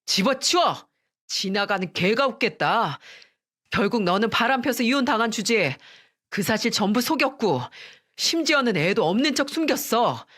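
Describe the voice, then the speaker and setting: A woman's voice: on the high side, animated, normal speed, pitched above the performer's own voice. A woman voicing an angry older brother who scolds and threatens his sister's husband in a narrated story. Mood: furious. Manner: shouting, scolding.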